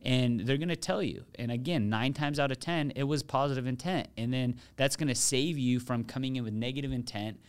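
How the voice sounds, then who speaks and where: A man's voice: mid-range voice, fairly quick, few pauses, smooth. A man hosting his own podcast, talking earnestly and directly to his listeners in a motivational solo talk. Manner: earnest, direct, addresses listeners as "you guys". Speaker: podcast host.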